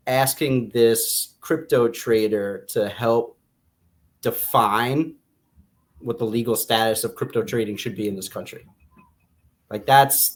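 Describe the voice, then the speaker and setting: A man with a mid-range voice co-hosts a podcast, chatting casually about books. He talks informally and a bit haltingly, often going back to rephrase what he just said.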